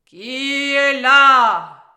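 A woman voicing a gruff, misunderstood male troll in a storybook reading, growling and shouting his lines. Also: sits high, lively intonation, extremely slow, pitched above the performer's own voice, heavily acted.

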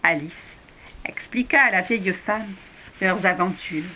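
A woman reading a children's story aloud as narrator, slow and clear. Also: medium pitch, pushed and bright, a little hiss or hum.

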